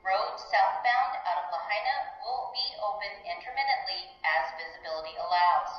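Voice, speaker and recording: Woman announcing over an echoing loudspeaker. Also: medium pitch. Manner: formal, measured, reading out updates. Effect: over a public address loudspeaker. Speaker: hotel announcer. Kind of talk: formal public announcement. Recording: echoey, dull loudspeaker sound from a phone camera.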